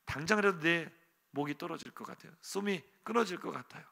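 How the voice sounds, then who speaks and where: A middle-aged man preaching a sermon as a pastor in a church, telling the story with animated energy, sudden loud exclamations and rhetorical questions to the congregation. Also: on the high side, fast talker, creaky. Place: church sanctuary.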